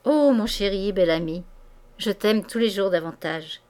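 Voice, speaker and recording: A woman's voice: medium pitch, unhurried, natural voice. A woman doing a coquettish, teasing society lady. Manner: bright, teasing and affectionate.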